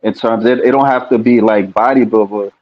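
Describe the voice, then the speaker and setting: A male interview host asks his questions over a video call. He speaks haltingly, with frequent ums and restarts. His voice is low, and the audio sounds dull and lo-fi. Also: fairly even intonation.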